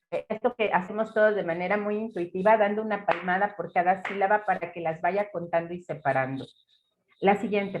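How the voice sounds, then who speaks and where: A woman's voice: medium pitch, phone-quality sound. A woman with a Mexican Spanish accent giving an academic talk with slides. She explains methodically, step by step, with example words. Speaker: lecturer.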